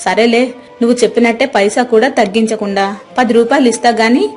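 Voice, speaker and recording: A woman's voice: fairly high pitch, steady tone, fast talker, soft background music, lightly acted. A woman doing a kindly village aunt. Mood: coaxing. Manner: gently coaxing. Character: kindly village woman buying leaf plates.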